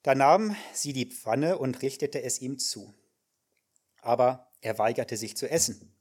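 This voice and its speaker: A man reading scripture aloud in church with steady, even narration. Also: mid-range voice, measured pace, slightly rough. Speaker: scripture reader.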